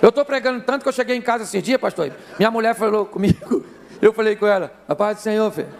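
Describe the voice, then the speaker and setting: A Brazilian male pastor preaches with a high, gravelly voice. He tells jokey stories and keeps an animated, playful delivery throughout. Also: quick pace, a crowd in the background, background noise. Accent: Brazilian Portuguese. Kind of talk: humorous sermon.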